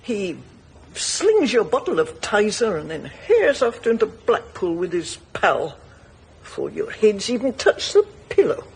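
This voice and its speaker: An actress playing a prim, snooty woman with a breathy voice in a TV sitcom. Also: medium pitch, very animated, a little slow, darkish tone, full character voice. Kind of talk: TV sitcom acting.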